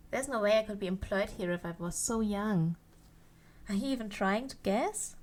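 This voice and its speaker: Here a woman with a slightly high voice performs a lightly acted yandere Christmas elf, talking straight to the listener in an ASMR roleplay monologue. Sweet and playful on the surface, she's coyly menacing and possessive underneath, lingering over each phrase.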